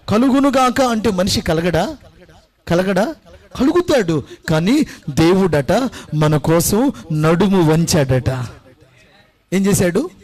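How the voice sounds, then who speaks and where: Fervent male pastor with a very high voice. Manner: fervent, rising to loud exclamations, calls for amens and applause; repeats phrases for emphasis. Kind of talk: sermon.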